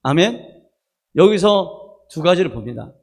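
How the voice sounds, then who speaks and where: A man's voice: high voice, big pitch swings, a little slow, a little mellow. A man, a pastor preaching a sermon in a chatty way, telling personal stories and asking the congregation for an amen. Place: church worship service.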